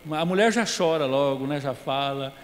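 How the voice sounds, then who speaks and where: A Brazilian man with a high voice preaches a sermon, telling stories from his own life. He acts out the dialogue in them and swings from loud, emphatic lines to quiet, hushed ones. His voice rings with the long reverb of a church. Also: moderate pace. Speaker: pastor.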